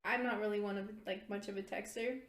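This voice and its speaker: A woman's voice: mid-range voice, quick pace. A woman in her thirties, a podcast guest, telling a story in casual chat with lots of laughter and acted-out dialogue. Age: 30s. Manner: animated, laughs often, acts out quoted dialogue. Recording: echoey room.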